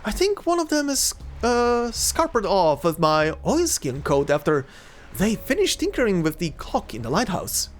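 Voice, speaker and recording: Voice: mid-range voice, huge pitch swings, normal speed, pitched above the performer's own voice. Someone voicing an eager old ghost sailor who tells folksy yarns in a video game read-aloud. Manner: folksy yarn-spinning.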